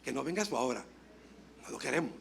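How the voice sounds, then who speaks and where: A male pastor preaching a lively sermon, moving between loud exclamations and quiet asides and acting out dialogue as he tells stories. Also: medium pitch, fast, vocal fry, slight background noise. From Dominican Republic. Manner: acts out dialogue in storytelling.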